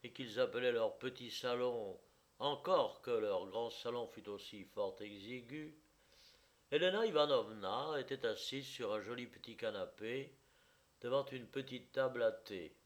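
A man narrating a classic story in a measured, theatrical storytelling manner. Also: mid-range voice. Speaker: audiobook narrator. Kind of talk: scripted literary narration.

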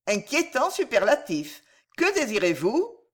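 A quick-witted young woman full of playful mockery, her lines rising high and lively as she banters, voiced by a woman reading a storybook. Her speech swoops and sparkles. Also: exaggerated voice. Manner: playful, mocking, bright. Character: witty, teasing young woman, quick to laugh.

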